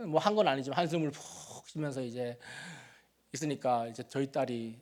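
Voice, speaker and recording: A middle-aged male pastor giving a sermon in a church, telling stories about his own family in a conversational, self-deprecating way, rising to loud emphatic peaks and dropping to soft, confiding murmurs. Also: mid-range voice, normal speed. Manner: swings between loud emphatic build-ups and soft, quiet confiding. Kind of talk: sermon with personal storytelling. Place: church sanctuary.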